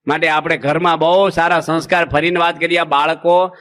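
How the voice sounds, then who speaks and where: A monk delivering a folksy sermon, telling stories and asking the audience rhetorical questions. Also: male voice, fairly high pitch, flat delivery, brisk, fairly bright tone.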